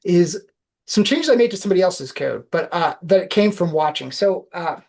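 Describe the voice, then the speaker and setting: A woman's voice: fairly low pitch, lively intonation, moderate pace, gravelly, darkish tone. A woman guest on a podcast, telling reflective anecdotes in a casual interview.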